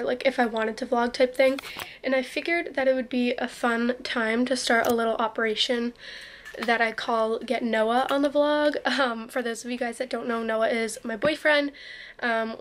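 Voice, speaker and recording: A woman's voice: fairly high pitch, fairly bright tone, a little hiss or hum. Chatty young woman vlogging in her bedroom. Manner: chatty, lots of ums and likes. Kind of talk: casual vlog chat. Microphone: handheld camera at arm's length.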